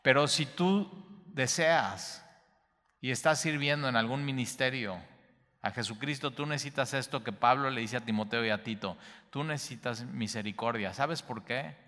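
A man's voice: medium pitch, moderate pace, pushed and bright, big-room sound. A man preaching a Bible teaching sermon, speaking straight to the listener and repeating key phrases for emphasis.

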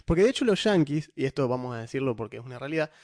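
A man's voice: mid-range voice, sing-song, very fast, darkish tone, no room sound. A young man with a Rioplatense Spanish accent explains game lore in casual podcast chat. He talks animatedly, restarting his sentences often. The sound is dry and close, with no room around it. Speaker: podcast host discussing tabletop lore.

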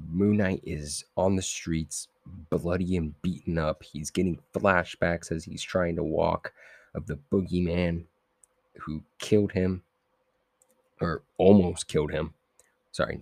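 A man's voice: low-pitched, a little mellow, no echo. A young man hosting a podcast, casually recapping comic issues in a loose, rambling way full of fillers and self-corrections. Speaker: podcast host.

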